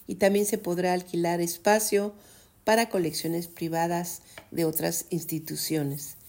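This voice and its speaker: On community radio, a woman presents the news, reading an article aloud steadily and inserting short comments. Her voice is on the low side.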